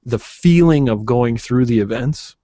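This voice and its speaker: A man's voice: mid-range voice, a little slow, dark tone, dry recording. A man hosting a casual conversation, talking in an easygoing, hesitant way with fillers.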